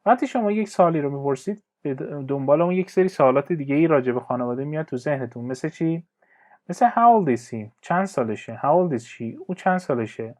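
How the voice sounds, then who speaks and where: A male English teacher giving a lesson, reading example sentences slowly and clearly, then explaining them quickly with frequent fillers. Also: on the high side, animated, darkish tone. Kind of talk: language lesson explaining phrases. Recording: slightly dull lo-fi audio.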